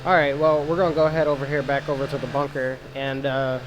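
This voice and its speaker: A man's voice: medium pitch, level tone, fast talker, muffled recording, noisy background. A man doing casual, slangy gameplay commentary as a let's-play host, thinking aloud. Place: voice-over with game sound and music behind.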